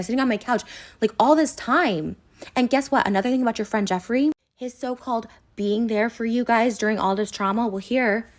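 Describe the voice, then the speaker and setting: A woman in her thirties delivers an emotional vlog rant straight to camera. She sounds hurt and indignant. She repeats phrases for emphasis and stumbles through quick restarts. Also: mid-range voice. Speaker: YouTuber.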